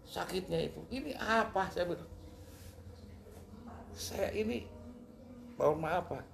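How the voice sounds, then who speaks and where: A middle-aged man with a gravelly, creaky voice tells his own story as an interview guest. He speaks with emotion, and his pitch swings widely as he builds toward outbursts. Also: unhurried, slight background noise. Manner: emotional, animated retelling with rising outbursts. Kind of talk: personal storytelling in conversation.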